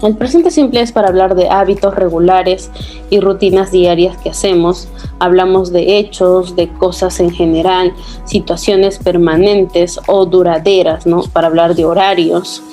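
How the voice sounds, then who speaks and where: A woman English teacher with a Peruvian Spanish accent, giving a recorded lesson. She repeats key words, often asks "¿no?", and slows right down to model the English phrases. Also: lowish voice, fairly even intonation, warm tone, soft background music.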